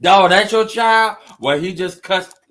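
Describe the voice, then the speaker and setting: A man's voice: high-pitched, unhurried, a bit bright. A man in casual chat, playful and emphatic, arguing his point and laughing often.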